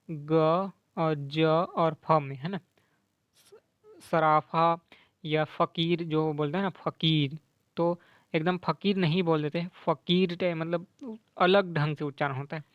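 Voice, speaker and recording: A man teaching grammar, explaining quiz answers slowly and repeating letters aloud, often asking "है ना?" and mixing in English words. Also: a little high, no echo, highs cut off. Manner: slow, repetitive, checks in with "है ना?"; sounds out letters slowly to demonstrate.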